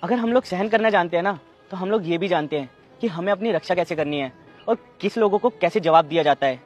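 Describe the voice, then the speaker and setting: A man's voice: high voice, quick pace. A protective older brother who sells goods on the street, played by a man, talks in an earnest, respectful way. The recording sounds dull and muffled, with faint music behind. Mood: firm. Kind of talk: amateur web drama acting.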